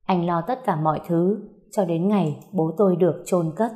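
A woman narrating a first-person ghost-story website tale in a measured, sorrowful way. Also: fairly low pitch, dark tone.

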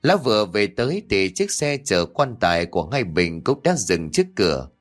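A man tells a horror audiobook story. His voice sits low but moves lively through the lines, with faint music underneath. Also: moderate pace. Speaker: narrator.

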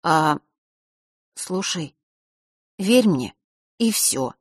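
A woman reading aloud, voicing a frightened teenage boy who swings between hushed pleading and tearful shouting. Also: fairly low pitch, animated, drawn-out words, breathy edge, no room sound, clean studio sound, full character voice. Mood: hushed secretive. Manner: pleading, then shouting and sobbing.

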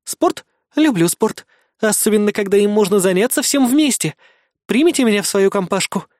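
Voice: high voice, fairly quick, no room sound, studio quality, pitched above the performer's own voice. A reader doing a demure female lieutenant. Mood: innocent. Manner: flat, innocent tone. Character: red-haired female lieutenant, innocent-sounding and stern.

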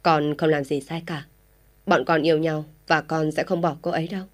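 A woman's voice: low voice, level tone, normal speed, lightly acted. A woman reading an audio story voices a stubborn young man who firmly defies his father. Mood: defiant. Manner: firm, defiant replies.

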